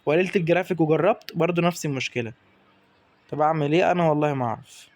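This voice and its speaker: Fast-talking Egyptian gamer, exasperated. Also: male voice, fairly high pitch, no room sound. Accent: Egyptian Arabic. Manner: excitable, exasperated, talks to the players on screen. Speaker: gaming YouTuber. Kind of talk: live gameplay commentary.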